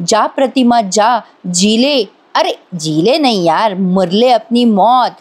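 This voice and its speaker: Woman doing a sly young schemer, falsely sweet, coaxing, slightly high. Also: expressive, slow pace, darkish tone. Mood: cold.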